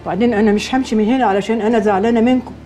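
A woman's voice: on the high side, fairly even intonation, rapid-fire, natural voice. An actress with an Egyptian accent playing an older mother who scolds and complains, repeating herself in exasperation. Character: fussy older mother, thrifty and restless. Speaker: mother-in-law.

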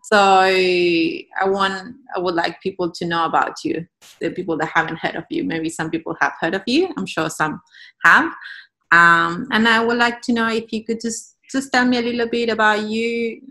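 Middle-aged woman host on a laptop call, gravelly low voice, bright edge, gushing with lots of ums. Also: steady tone, normal speed. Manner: warm effusive praise, filler-heavy. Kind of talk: casual video-call interview. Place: home room. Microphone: laptop on a video call.

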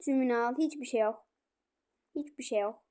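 A woman playing a football video game, commenting and shouting at her players. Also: on the high side, normal speed, a little hiss or hum. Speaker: gaming streamer.

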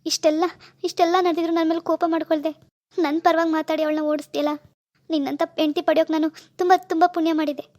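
A woman voicing a remorseful cartoon husband who begs his wife's forgiveness in a pleading, apologetic way. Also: fast. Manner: pleading, apologetic, flat pitch. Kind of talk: cartoon voice acting.

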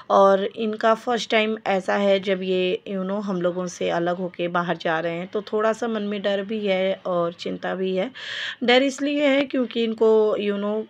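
A woman's voice: mid-range voice, lo-fi sound. A young adult woman with a sore throat, chatting casually as she narrates her vlog, often dropping in English phrases and fillers. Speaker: vlogger.

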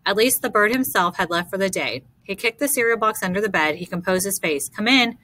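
Female audiobook narrator, bright, dry close read, measured. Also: mid-range voice, lively intonation, dry recording. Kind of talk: scripted narration.

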